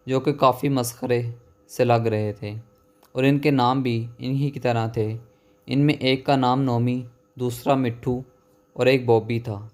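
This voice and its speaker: A man narrating a horror story in a steady, even storytelling voice. His pitch sits at an ordinary middle level for a man.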